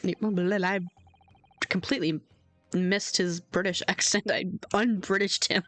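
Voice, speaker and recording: A woman's voice: mid-range voice, steady tone, slow, fairly bright tone, no room sound, faint music behind. A woman streamer giving casual, giggly, self-mocking commentary over a game. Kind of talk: casual let's-play commentary.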